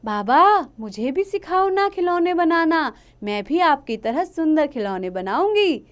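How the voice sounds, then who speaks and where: A woman's voice: high-pitched, sing-song, measured pace, pitched above the performer's own voice. A woman voicing an eager twelve-year-old village girl who pleads insistently. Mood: pleading.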